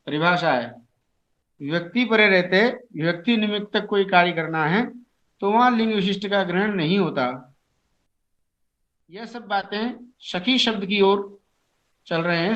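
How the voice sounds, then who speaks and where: Slow high-voiced Sanskrit grammar teacher. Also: male voice, fairly bright tone, dull audio. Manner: recites word forms in measured chanting lists. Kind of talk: slow explanatory lecture.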